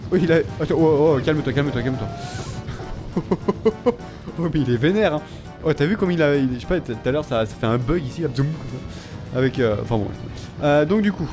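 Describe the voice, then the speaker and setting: A young man commentating a video game, excitable and slangy, taunting the enemies he fights. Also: on the high side. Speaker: gamer. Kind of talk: let's play commentary.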